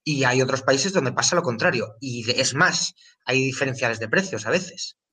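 Bright-voiced man, a bit off mic. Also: mid-range voice, animated, moderate pace, husky, distant mic. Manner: thinks aloud with frequent restarts and repetitions. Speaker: guest explaining a trading platform. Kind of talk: casual explanatory talk.

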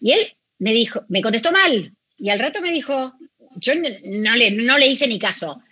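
A woman's voice: fairly high pitch, animated, moderate pace, breathy edge, lo-fi sound. A middle-aged woman with a Rioplatense Spanish accent, a guest in a conversational interview, talking expressively and acting out quoted dialogue.

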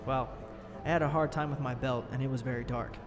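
A man playing a defensive, shaken young man giving witness testimony in an audio horror story, informal and halting. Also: mid-range voice, fairly even intonation, background noise, lightly acted. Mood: uneasy recounting. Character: defensive, shaken 23-year-old male attack witness.

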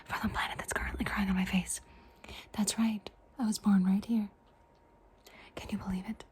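A woman's voice: medium pitch, level tone, moderate pace, close to an everyday voice. A woman voicing a playful, curious alien visitor in an ASMR roleplay, whispering and repeating trigger words over and over. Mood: whispery playful.

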